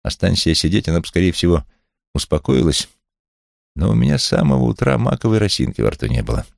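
A man's voice: low-pitched, very animated, quick pace, vocal fry, no room sound, studio quality. A man reading an audiobook, telling a first-person story in a wry tone. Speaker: audiobook reader. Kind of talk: scripted audiobook narration.

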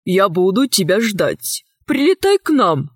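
A woman voicing a thin, very old man who speaks calmly, kindly and modestly. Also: medium pitch, measured pace, husky, no room sound, clean studio sound, voice pushed down. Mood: gentle. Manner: calm, kind, modest. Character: thin tall ancient old man, gentle scientist.

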